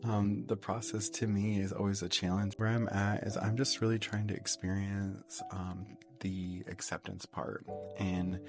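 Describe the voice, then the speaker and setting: A man hosting a podcast in a soft, hushed library voice, talking casually and reflectively. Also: deep voice. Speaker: podcast host.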